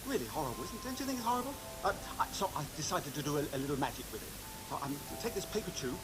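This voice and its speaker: A man's voice: a little high, very animated, very fast, over music, rough recording. A British man giving comic magic patter like a children's party magician, playful and bumbling with theatrical asides. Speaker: magician entertainer.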